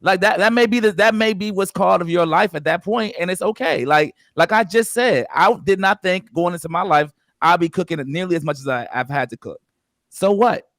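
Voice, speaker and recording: A man's voice: sits high, brisk, a bit bright, dry recording, clean studio sound. A man hosting a podcast, speaking emphatically and bluntly in casual discussion, pushing his point with repetition. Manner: emphatic, insistent, drives to wrap up. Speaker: podcast host.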